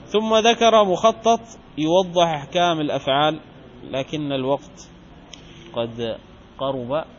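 Arabic grammar teacher drilling examples. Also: male voice, fairly high pitch, dull audio, a little hiss or hum. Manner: drills examples by repeating words slowly, asks and answers himself. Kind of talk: classroom lesson explaining grammar.

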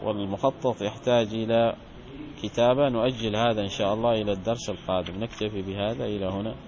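A man teaching Arabic grammar in a lesson, drilling examples by slowly repeating words and asking questions he then answers himself. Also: lowish voice, steady tone, muffled recording, a crowd in the background. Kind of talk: classroom lesson explaining grammar.

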